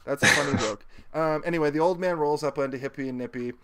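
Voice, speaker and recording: A man's voice: fairly high pitch, fast, heavy background noise. A man co-hosting a casual podcast, joking around and swearing freely, often trailing off mid-sentence. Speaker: podcast co-host. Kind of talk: casual chat.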